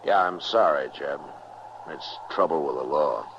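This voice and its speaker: An actor playing a firm, steady frontier marshal in a radio western, grave and plain-spoken, with an American accent. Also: male voice, rumbling low, a little slow, heavily acted. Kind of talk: old-time radio western acting. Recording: muffled, noisy vintage radio recording.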